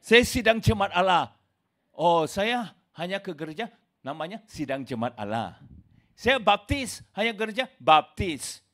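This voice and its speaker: A man preaching a sermon in an emphatic way, calling his listeners brothers and sisters, swinging from loud exclamations to low asides. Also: very animated, a little slow. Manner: addresses listeners as "saudaraku".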